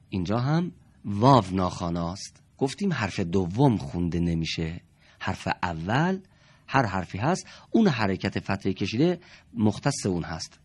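Husky-voiced male teacher. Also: deep voice, sing-song. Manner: patient, explains step by step, repeats key terms. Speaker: Quran reading teacher. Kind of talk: classroom lesson.

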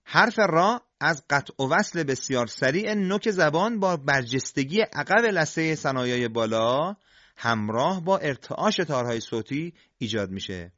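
A man with a slightly high voice gives a deliberate, step-by-step pronunciation lesson and pauses to sound out each letter. The recording is dry and a little dull and lo-fi. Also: a bit bright, dry recording. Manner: slow, deliberate, demonstrates sounds. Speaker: Quran recitation teacher. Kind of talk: scripted instructional lesson on tajweed.

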